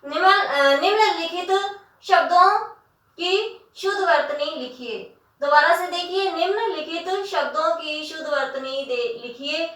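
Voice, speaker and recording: A woman teacher giving a spelling lesson. She speaks patiently, calls her students "beta", and spells words out slowly, syllable by syllable. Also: sits high, fairly bright tone. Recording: echoey room, voice from the mic at a distance.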